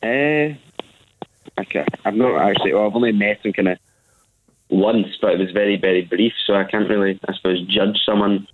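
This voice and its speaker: A man's voice: on the low side, normal speed. A Scottish man answering a phone call, polite and a little hesitant. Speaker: tribute act receiving a phone call. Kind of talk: casual phone conversation. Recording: tinny phone line.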